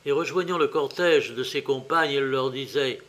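A man narrating a literary tale, reading slowly and expressively with wide swings in loudness. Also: mid-range voice.

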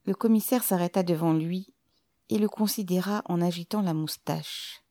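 A woman narrating a novel in a measured, even storytelling manner. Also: fairly low pitch, no echo, studio quality. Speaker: audiobook narrator.

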